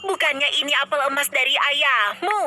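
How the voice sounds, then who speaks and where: Squeaky, timid childlike adventure sidekick. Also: female voice, lively intonation, a little fast, exaggerated voice. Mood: worried. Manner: exclamatory, short startled replies. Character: timid childlike sidekick in a block-world adventure, easily frightened. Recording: loud music under the voice.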